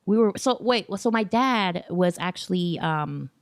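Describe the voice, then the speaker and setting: Bubbly woman with a lively voice. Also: lowish voice, measured pace, no echo, studio quality. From born in Thailand, raised in Los Angeles. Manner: bubbly, laughs often, acts out quotes. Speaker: comedian guest. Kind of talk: casual podcast interview.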